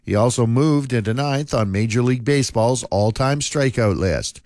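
A man reads local news and sports in a steady, measured way. His voice sits at an ordinary pitch. The recording is dry and close, with no room sound. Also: no room sound. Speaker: news anchor. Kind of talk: scripted news reading.

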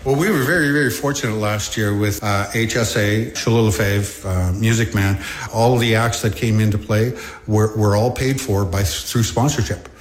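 A man who directs a community venue, speaking casually and haltingly, with fillers and restarts, in an interview clip. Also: on the low side. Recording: echoey room.

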